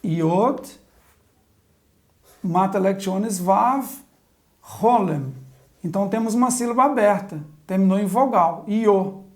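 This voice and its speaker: Slow, methodical woman teaching grammar. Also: medium pitch, darkish tone. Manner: methodical, spells out letters and vowels one by one. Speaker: Biblical Hebrew teacher. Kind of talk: classroom grammar lesson. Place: classroom with a chalkboard.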